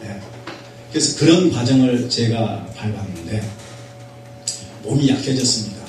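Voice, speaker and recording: A middle-aged man preaching a fervent revival sermon as a pastor, moving between loud exhortation and quiet personal testimony. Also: mid-range voice, lively intonation, moderate pace, faint music behind. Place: prayer retreat hall. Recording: echoey hall from far off, faint hum.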